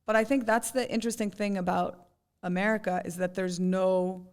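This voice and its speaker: A woman's voice: medium pitch, steady tone, moderate pace, clear, resonant tone. Give me a woman entrepreneur in her thirties chatting on a podcast, telling stories in an easy, casual way. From Jordan, raised in New York. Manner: chatty storyteller, says "like" and "right?". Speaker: guest entrepreneur. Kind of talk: casual conversation.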